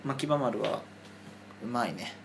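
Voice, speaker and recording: A man's voice: mid-range voice, takes it slowly, vocal fry, background noise. A man in casual podcast chat, giving frank feedback and murmuring agreement.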